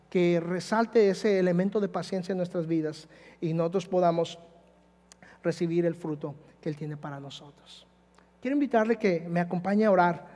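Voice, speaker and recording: A man's voice: high-pitched, warm tone. A man preaching a sermon as pastor in a conversational way, often adding tag questions to his listeners. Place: church. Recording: long church hall reverb.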